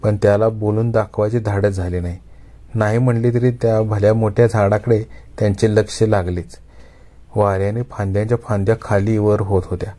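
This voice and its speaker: A male storyteller reads a story aloud with measured, expressive phrasing. His voice is low-pitched and dark in tone. He builds the scene slowly and carefully. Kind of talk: Marathi kathakathan storytelling.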